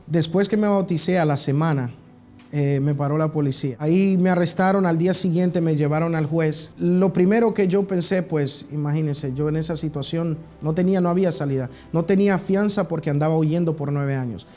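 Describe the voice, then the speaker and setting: A man's voice: on the high side, warm tone. Earnest man giving testimony. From Honduras. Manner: earnest, halting, with frequent restarts. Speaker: church member giving testimony. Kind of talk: personal testimony.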